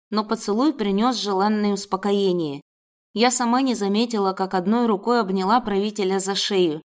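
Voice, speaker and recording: Woman narrating a dramatic audiobook. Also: medium pitch. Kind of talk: first-person audiobook narration.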